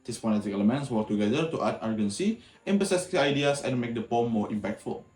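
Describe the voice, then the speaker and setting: Young guy from indonesia recapping the lesson, bit informal, roomy echo, soft music behind. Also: medium pitch, lively intonation, fast talker. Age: young adult. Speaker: student presenter.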